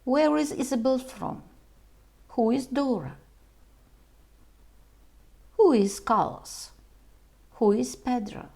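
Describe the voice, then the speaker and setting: A woman reading a homework lesson aloud for young children, slowly and carefully, as their English teacher. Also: high voice, creaky, a little mellow.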